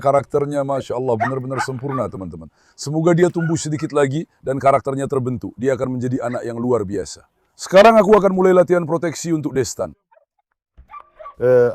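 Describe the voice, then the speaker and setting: A man's voice: medium pitch, no room sound. A man running a casual farm vlog, coaxing and calling his dogs and chatting to viewers between. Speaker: farm owner and dog keeper.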